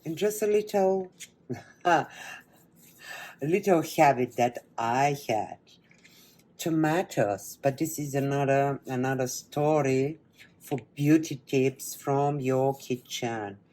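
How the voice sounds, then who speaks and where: Her pitch is extremely low as this Bulgarian-accented woman from Bulgaria, a wellness instructor, takes listeners through a breathing meditation and then a cooking demo. She talks slowly and quietly, her speech often fading to a whisper.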